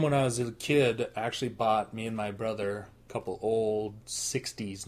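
A man in his thirties with a Minnesota accent, co-hosting a casual chat and telling stories with playful asides. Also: lowish voice. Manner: joking storyteller, playful asides. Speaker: podcast co-host.

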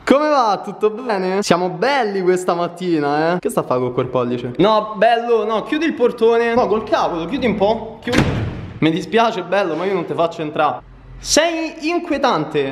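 A young man with a Roman accent, joking sarcastically as he chats to camera in a casual vlog. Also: sits high. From Italy. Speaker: vlogger.

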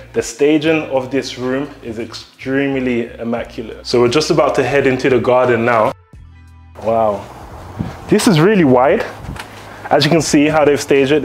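A young man with a London accent giving an upbeat house tour, talking straight to viewers. His voice sits in a middle range and bounces around bare, echoey rooms. Soft music plays underneath. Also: mid-range voice. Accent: London English. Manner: upbeat, enthusiastic, addresses viewers directly. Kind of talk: walk-through property tour. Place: empty newly built house, indoor rooms and garden.

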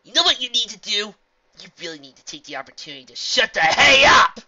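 List: narrator doing a cocky tomboy pegasus, cheeky shouted quips, high bright voice, lo-fi muffled audio. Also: very animated, quick pace.

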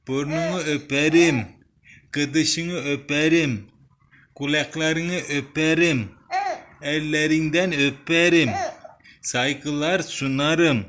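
A man's voice: fairly high pitch, fairly bright tone. A man talking playfully and affectionately to a baby, repeating short, sing-song endearments. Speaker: parent or relative talking to a baby.

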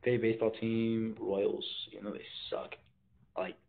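A teen boy hosting a livestream in his bedroom speaks in a low, creaky voice with flat delivery at a moderate pace. He's laid-back and slangy, reading out viewer comments, filmed on a phone at arm's length with tinny sound.

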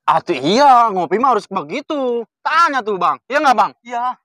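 Animated joking man. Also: very high-pitched, moderate pace, dry recording, clean studio sound. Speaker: comedy sketch creator and actor. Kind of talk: Betawi comedy sketch banter.

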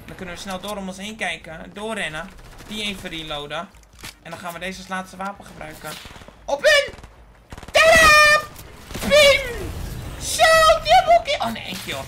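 A woman giving excitable gameplay commentary as a gaming video host. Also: mid-range voice, very noisy. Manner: excitable, shrieks and squeals at sudden moments, hushed when sneaking. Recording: game music behind the voice. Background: background music.

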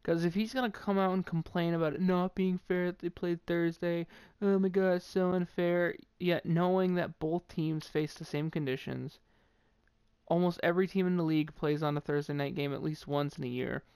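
A man's voice: fairly high pitch, fairly even intonation, normal speed, a little mellow, clean tone, no room sound. A man with a New England accent giving casual, opinionated sports commentary on his own, rambling and restarting sentences as he goes. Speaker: sports commentator ranking football teams.

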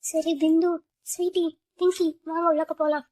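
A woman's voice: very high voice, flat delivery, normal speed, a little mellow. A woman voicing a protective older sister figure who reassures the younger girls. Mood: curious. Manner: reassuring, motherly. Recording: dull lo-fi sound.

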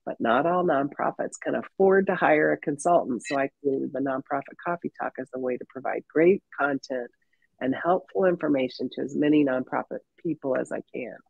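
A woman's voice: a bass voice, fairly quick, gravelly, husky, no room sound. A woman hosting an interview show over a video call, sounding congested and nasal at the tail end of covid, upbeat and chatty with many ums. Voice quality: stuffy, nasal. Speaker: podcast host. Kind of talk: casual interview chat. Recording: muffled dry video-call audio.

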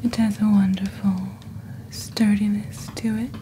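A woman takes on the part of a mysterious witch hosting a fantasy shopping channel, calmly narrating her magical wares ASMR-style in a small, dim indoor set. Her natural, medium-pitched voice stays soft, breathy, dark-toned and close to a whisper; she delivers each hushed, theatrical phrase slowly and deliberately up close to a fluffy-covered studio mic, over faint ambience and slight background noise.

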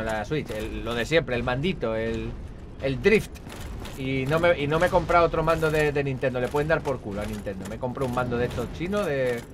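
A man's voice: on the high side, background noise. A young man with a Spain Spanish accent giving rambling, casual gameplay commentary, swearing often and talking to his viewers. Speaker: gaming channel host. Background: game music.

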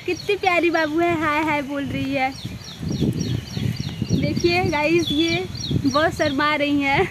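A woman's voice: high voice, steady tone, unhurried. A young woman vlogging outdoors in a village, chatting to viewers and coaxing shy children to speak, recorded on a handheld phone. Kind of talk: casual vlog narration. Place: outdoors in a village among trees. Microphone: phone held by the vlogger. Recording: outdoor phone audio with clear wind and birds. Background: wind, birds and animals.

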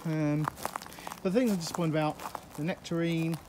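Fairly high in pitch and speaking at a normal speed, an allotment gardener rambles casually around his plot and polytunnel, with lots of uhs. He films outdoors on a handheld phone while walking, and background noise can be heard.

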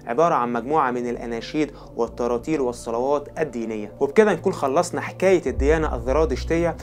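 A man's voice: mid-range voice, racing, darkish tone. A man with an Egyptian Arabic accent explaining religious history in a chatty, step-by-step way, asking himself rhetorical questions. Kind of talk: casual educational narration.

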